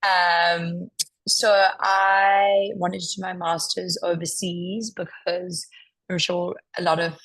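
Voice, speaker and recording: A South African woman with a hoarse, partly lost voice, giving a casual testimonial as a master's student on a panel. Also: fairly low pitch, flat delivery, measured pace, rough recording.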